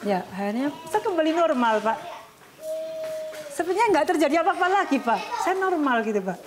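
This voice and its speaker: A woman's voice: sits high, big pitch swings, a little fast, background noise. A woman, a missionary who cares for schoolchildren, gives an emotional personal testimony in an interview, speaking earnestly and politely. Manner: earnest, often adds a polite "sir" to her sentences. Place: remote rural area.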